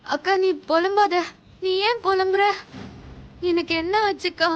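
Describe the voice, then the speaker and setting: A woman's voice: very high voice, fairly even intonation, dull audio. A dazed, woozy young woman. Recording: TV drama with loud background music.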